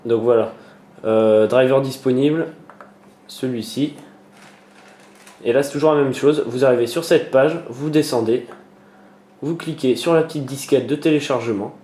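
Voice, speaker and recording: A man's voice: mid-range voice, moderate pace, pauses often, mellow. A man talking through a computer tutorial as he works on screen, hesitant and full of fillers and restarts. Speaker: tutorial maker. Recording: echoey room with faint noise.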